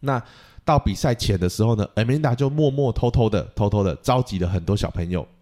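A man hosting a casual podcast, retelling a film plot in an animated way and acting out the characters' lines. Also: lowish voice, a little fast. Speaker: podcast host.

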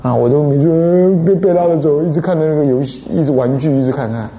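A man with a Taiwanese Mandarin accent gives a lively Buddhist dharma lecture as an abbot. He tells stories and keeps asking the listeners rhetorical questions. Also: fairly high pitch, quick pace, slight background noise. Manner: animated storytelling, frequent rhetorical questions.

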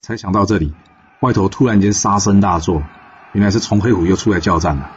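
A man's voice: low voice, fairly even intonation, fairly quick, lo-fi sound, slight background noise. A man telling a classic tale in a casual, chatty storytelling manner with many fillers. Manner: chatty, filler-heavy narration.

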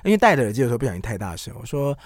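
A woman, co-hosting a casual chat with quick, jokey banter. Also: a bass voice, big pitch swings, darkish tone, no echo, clean studio sound. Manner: quick, jokey banter with playful asides and snippets of song. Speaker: co-host.

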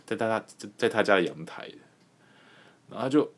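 A man with a very low voice tells a comic story from his own life, his pitch swinging widely as he goes. He hosts a podcast and laughs often between lines. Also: moderate pace. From Taiwan. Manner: animated, laughs often while telling. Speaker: podcast host.

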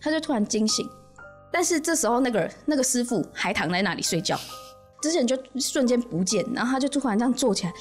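A woman with a Taiwanese Mandarin accent, hosting a podcast and telling a spooky story in a casual, animated way, often laughing as she goes. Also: on the high side, fast, faint music behind. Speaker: podcast host.

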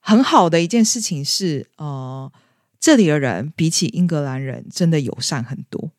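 A woman's voice: low-pitched, animated, normal speed, a little mellow, no room sound, clean studio sound. A young woman in her twenties, a podcast co-host, telling a story casually and acting out quoted lines in raised voices.

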